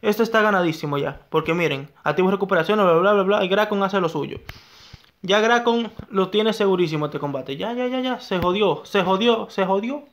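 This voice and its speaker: Young man, high-pitched, excitable gameplay commentary, repeats himself. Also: fairly quick. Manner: excitable, talks to himself and viewers, repeats phrases. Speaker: gaming YouTuber.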